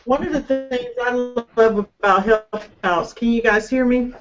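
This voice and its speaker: A participant on a casual video call talks slowly and haltingly, pausing and filling gaps. The call audio sounds dull and lo-fi. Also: medium pitch, steady tone. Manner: halting, with pauses and fillers. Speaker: caller sharing experience.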